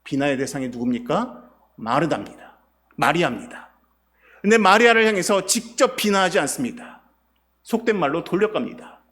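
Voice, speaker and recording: A man's voice: on the high side, expressive, normal speed, fairly bright tone. A male pastor preaching a sermon, posing rhetorical questions to his congregation. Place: church sanctuary.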